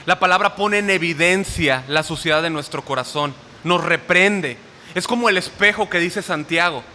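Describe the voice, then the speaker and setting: A man's voice: on the high side, pushed and bright. A man preaching a sermon to a congregation, often asking them short questions as he goes. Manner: asks the audience questions often. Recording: hall reverb with faint noise.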